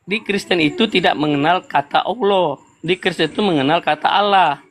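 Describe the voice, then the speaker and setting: A man's voice: high-pitched, normal speed, fairly bright tone. A man insistently defending his point in a heated religious debate, repeating himself. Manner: insistent, repetitive.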